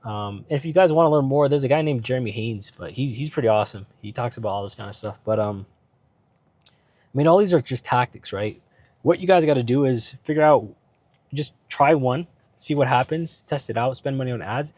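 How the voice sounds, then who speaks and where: In a car, a man vlogs casually about business at a fairly quick pace, his medium-pitched voice darkish and free of echo. Illness has his voice starting to go, and he rambles with filler words and asides, asking "right?" again and again.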